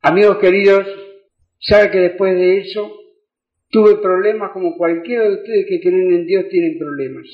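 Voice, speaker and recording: A man's voice: high voice, steady tone, moderate pace. Older Argentine man preaching in echoey church. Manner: emotional, builds to shouted praise. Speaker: preacher giving testimony. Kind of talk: sermon testimony. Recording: echoey, muffled church recording.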